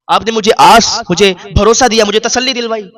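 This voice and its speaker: Preacher playing a poor weeping man in a sermon story, high pleading voice, sorrowful, desperate. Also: fairly bright tone. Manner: pleading, sorrowful, rising to anguished outcry.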